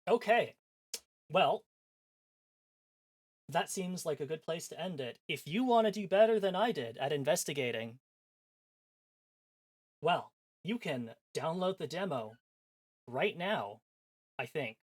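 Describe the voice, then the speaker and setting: A game streamer chats casually on a livestream and reads a visual novel aloud, rambling and poking fun at himself. His voice is a little high, expressive and a little slow, with long pauses and a breathy edge, and background music plays behind him.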